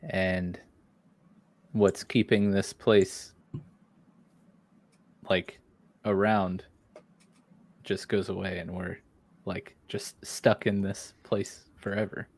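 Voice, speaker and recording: A man playing a tabletop game, talking slowly and musing aloud. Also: sits low, little pitch movement. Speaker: player.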